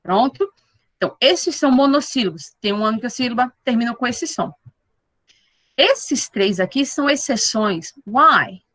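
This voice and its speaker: A woman teaching an English class online, with slow explanations, repeated model words and frequent checks with her students. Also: a little high, lively intonation, a bit bright, no echo, poor audio. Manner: checks in with the class often with tag questions.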